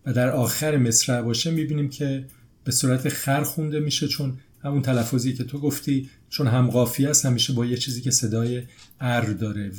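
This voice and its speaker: A man's voice: mid-range voice, darkish tone. A man hosts a discussion in a conversational way. He adds his own thoughts, then steers the talk on to the next point. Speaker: host.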